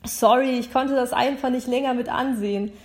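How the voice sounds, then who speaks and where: A woman reading a novel aloud, voicing a blunt, mocking male supervisor in a brash, loud manner. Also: high-pitched, fairly even intonation, moderate pace, natural voice. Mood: sarcastic. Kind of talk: audiobook character voice.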